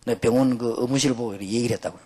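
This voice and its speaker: A man's voice: medium pitch, very fast, warm tone. A middle-aged man, preaching to pastors in an emphatic, storytelling way. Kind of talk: sermon to pastors.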